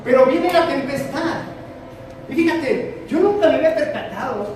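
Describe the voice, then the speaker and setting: A man preaching a sermon to a congregation, animated, swinging between loud and soft. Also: very high voice, moderate pace, slight background noise. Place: church hall with congregation. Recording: echoey hall, from far off. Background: congregation answering.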